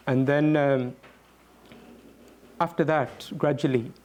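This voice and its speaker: Man giving halting, earnest answers. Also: mid-range voice, fairly even intonation, darkish tone. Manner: halting, earnest, with repeated words. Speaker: guest speaker answering questions. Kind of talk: reflective talk answering questions.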